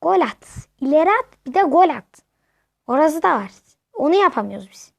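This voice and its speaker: A woman giving casual live commentary while playing a football video game, excitably shouting at the players and the referee. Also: sits high, moderate pace, creaky, no room sound. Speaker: gamer.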